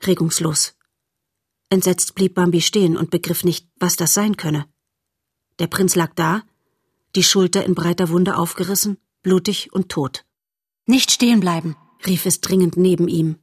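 A woman narrating a storybook in a calm, measured way, as an audiobook reader. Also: fairly low pitch, breathy edge, dry recording, clean studio sound.

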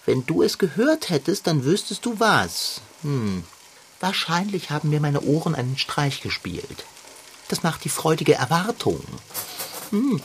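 Fussy greedy tomcat in a cartoon, posh flowery talk, pitch all over the place. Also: female voice, very animated, unhurried, a little hiss or hum. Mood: haughty. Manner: pompous, flowery formal speech. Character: pompous greedy male tomcat, fussy gourmand. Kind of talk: cartoon voice acting.

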